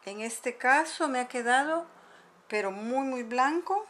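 In a high-sitting voice at a measured pace, a middle-aged makeup host patiently talks viewers through mixing powders at a table in her home. A camera captures the table from overhead. Clinking spoons and bowls are heard throughout the homemade how-to.

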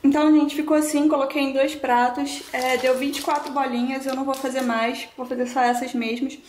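In her home kitchen, a young Brazilian cooking vlogger in her twenties walks viewers through a recipe, chatting and explaining every step. She speaks fairly quickly in a high voice with level intonation and a darkish tone, in an echoey room with slight background noise.

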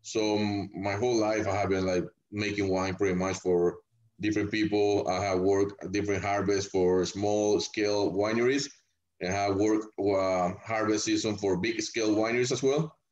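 Podcast guest: man from El Salvador, deep voice, easygoing and rambling, muffled lo-fi recording. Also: normal speed. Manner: relaxed, rambling, many fillers. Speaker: winemaker guest. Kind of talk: casual podcast interview. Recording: dull lo-fi audio.

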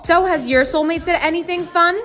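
A woman's voice: very high-pitched, brisk, a bit bright, soft background music, voice pushed up. A woman playing a curious, pushy young friend who keeps asking questions.

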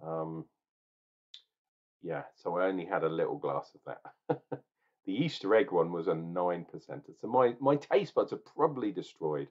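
Casting: low-voiced man in his forties, ranting home beer reviewer, muffled webcam sound. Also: lively intonation, normal speed, pauses often. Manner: opinionated, ranting, rambling and jokey. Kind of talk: casual beer review vlog. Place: small room at home, indoors. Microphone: webcam at desk.

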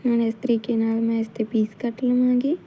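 A woman with a Punjabi accent narrates a home recipe in calm, steady steps. Her voice is very dark and mellow, sitting slightly high, with a flat, even delivery. A faint hiss of noise sits behind her. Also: a little fast, poor audio. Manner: calm step-by-step instruction. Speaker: cooking channel host. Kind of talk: cooking tutorial narration.

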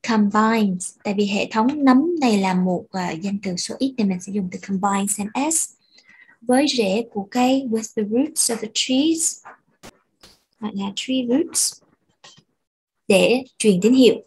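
A woman's voice: medium pitch, a little slow, a little mellow, slightly rough, low-quality recording. A woman teaching English vocabulary, explaining patiently and repeating words for pronunciation. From Vietnam. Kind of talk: bilingual language lesson.

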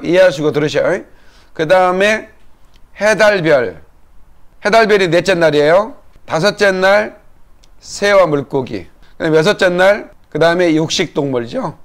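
A male pastor giving a Bible lesson in sermon style, explaining step by step and checking in with the congregation through questions and calls for amen. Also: high-pitched.

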